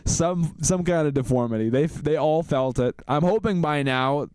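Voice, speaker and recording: A young man co-hosting a podcast, telling animated stories in casual chat and laughing often. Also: on the high side, moderate pace, clean tone, dry recording. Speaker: podcast co-host.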